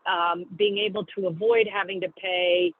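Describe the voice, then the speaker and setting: A woman's voice: mid-range voice, steady tone, breathy edge. Woman calling in from her car by phone. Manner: explains step by step, with pauses and self-corrections. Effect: phone call from a moving car. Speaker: guest speaker. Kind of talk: call-in briefing on a video call. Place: in a car while driving. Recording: tinny phone line from a car.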